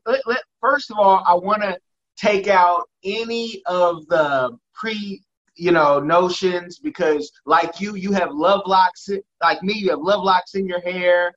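Recorded in his home kitchen, this male interview host talks at a measured pace in a high, somewhat bright voice. The casual chat finds him rambling and repeating words in his eagerness, though the recording is muffled.

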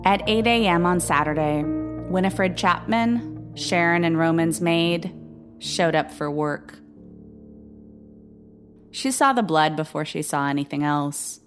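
A woman narrating a true-crime story in a measured, grave, scripted way. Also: fairly low pitch, soft background music. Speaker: podcast narrator.

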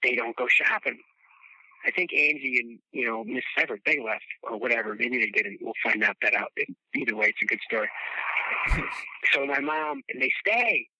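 A man in his thirties from the Chicago area, a podcast guest telling rambling, animated stories with casual swearing and laughter. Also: medium pitch, moderate pace, creaky, no echo. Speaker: podcast guest, former child actor. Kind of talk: casual storytelling chat. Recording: dull, dry lo-fi sound.

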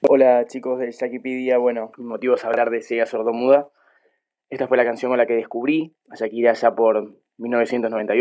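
A man leaving a voicemail message, heard over a landline phone line, talking through a rapid, even-toned recollection. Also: medium pitch. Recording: muffled phone-line sound.

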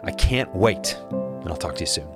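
A man hosting his podcast alone, speaking in an earnest, encouraging way with a raspy voice today. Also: sits low, animated, normal speed, over music. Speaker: podcast host. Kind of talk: solo podcast monologue.

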